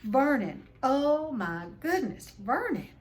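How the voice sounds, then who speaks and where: A woman's voice: sits high, very animated, slow pace, pitched above the performer's own voice, heavily acted. Woman acting Aunt Petunia, quivering frightened aunt. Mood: horrified. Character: fretful, frightened middle-aged aunt, easily shocked.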